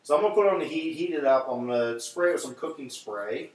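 A man's voice: mid-range voice, fast talker, far from the mic. A man chatting casually with viewers while he cooks on a livestream, his voice ringing with an echoey, cave-like sound. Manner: chatty, talks to viewers while fiddling with audio settings. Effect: echoey, cave-like room sound. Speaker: livestream host cooking breakfast. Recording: roomy echo, off-mic, faint noise.

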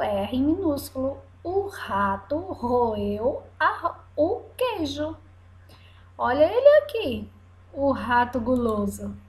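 A woman teacher leads a reading lesson for small children. She speaks very slowly, stretching each syllable out, in a slightly high voice. Her delivery is patient and deliberately clear. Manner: slow, drawn-out syllables for young children. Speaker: first-grade teacher.

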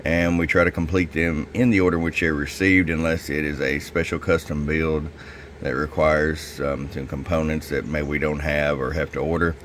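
A man's voice: very deep voice, flat delivery, normal speed, a bit bright, slight background noise. A man who runs a radio shop, giving a casual tune-up report in a folksy, chatty way and speaking straight to his customer.

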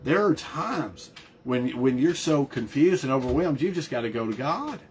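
A male pastor delivers a sermon in an earnest, emphatic way, circling back on his words as he pushes each point home. His voice sits at an ordinary middle pitch. A faint hiss of background noise runs under the recording. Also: animated, normal speed. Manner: earnest, emphatic preaching with frequent restarts and repeated words.

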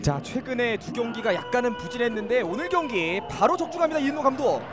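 A man's voice: very high-pitched, animated, fast, music in the background. A man co-commentating on a live football match, giving enthusiastic analysis and exclamations.

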